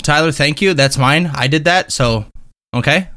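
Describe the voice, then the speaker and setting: A man's voice: a little high, moderate pace, bright, forceful tone, dry recording, studio quality. A man co-hosting a casual podcast, joking and playfully sarcastic. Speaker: podcast co-host. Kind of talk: casual chat.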